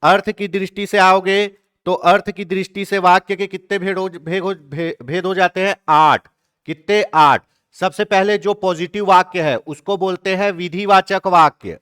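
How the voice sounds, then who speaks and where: A male teacher giving an exam-prep grammar lesson, asking the class questions, answering them himself and repeating key words slowly. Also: high voice, fairly even intonation, fairly bright tone, clear, resonant tone.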